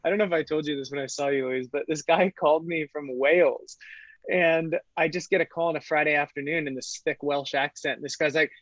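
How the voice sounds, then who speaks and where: A man co-hosting a podcast, a drinks company founder, telling stories in an animated way. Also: a little high, a little fast, dry recording, muffled recording. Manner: animated storyteller. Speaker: podcast co-host, kombucha brand founder. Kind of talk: casual podcast chat.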